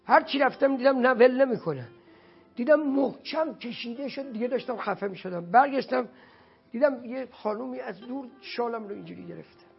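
An Iranian man with an extremely high, expressive voice, creaky and edged with breath, tells an emotional religious anecdote, acting out the quoted dialogue with heartfelt feeling. The recording is dull and lo-fi, with faint music behind him.

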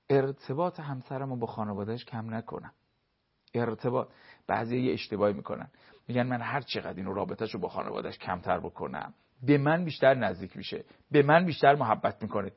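Gravelly, husky man lecturing emphatically. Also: a little high. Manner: emphatic, lecturing, with many rhetorical questions. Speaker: religious expert guest on a TV program. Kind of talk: televised religious talk on marriage advice. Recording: dull lo-fi broadcast sound.

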